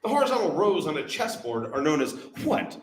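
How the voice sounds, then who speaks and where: A man's voice: fairly high pitch, big pitch swings, brisk, slight background noise. A man hosting live bar trivia, reading out questions, cracking jokes and swearing freely. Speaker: trivia host.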